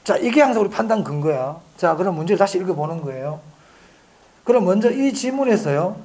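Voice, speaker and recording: Lively high-voiced male lecturer. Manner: drills students with quick repeated questions; stretches key phrases slowly for emphasis. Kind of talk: exam-prep lecture.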